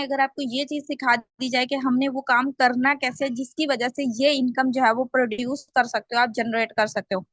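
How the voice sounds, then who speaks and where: A woman's voice: sits high, fairly bright tone, no room sound. A woman sales trainer on a video call, explaining step by step and often checking in with the group. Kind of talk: online team training call.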